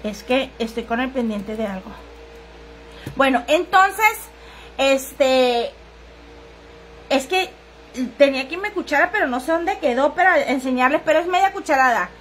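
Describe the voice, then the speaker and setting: A woman's voice: sits high, animated, a little slow, pauses often, fairly bright tone, soft background music. A middle-aged woman, chatting crudely and casually while selling on a livestream and answering viewers' comments. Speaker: livestream seller.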